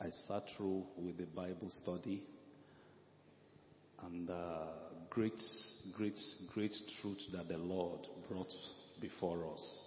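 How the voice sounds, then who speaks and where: A man preaching a sermon to his church, slow and emphatic, repeating his key phrases. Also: low-pitched, steady tone, a little hiss or hum. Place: church hall. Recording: echoey hall, dull lo-fi sound.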